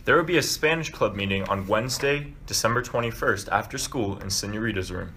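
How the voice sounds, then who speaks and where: A man's voice: lowish voice, a little fast, bright, forceful tone, a little hiss or hum. A young man from the United States reading scripted morning announcements in a school intercom manner.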